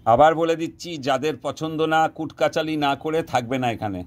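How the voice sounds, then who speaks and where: Man, fairly high voice, outdoor vlog, insistent and repetitive, broken Hindi asides, teaching bait making. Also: a little fast. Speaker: fishing bait maker teaching viewers. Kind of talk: casual instructional vlog. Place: outdoors, sky darkening before rain.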